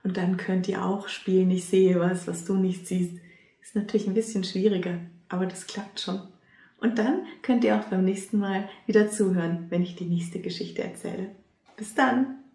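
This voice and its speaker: A woman reading a children's story aloud and speaking gently to the young listeners. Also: medium pitch, moderate pace. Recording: roomy echo.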